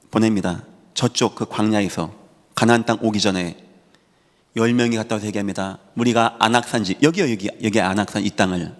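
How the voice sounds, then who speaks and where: A male pastor delivering a sermon, preaching emphatically and swinging between loud high bursts and quiet low lines. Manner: emphatic preaching with sudden rises and drops in pitch and volume. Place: church sanctuary. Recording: long hall reverb in a church sanctuary.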